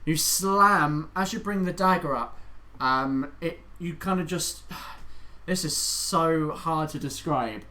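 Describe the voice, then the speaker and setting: Halting male game master, slightly high voice. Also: pushed and bright. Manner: halting, searching for words. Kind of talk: casual tabletop game narration and rulings.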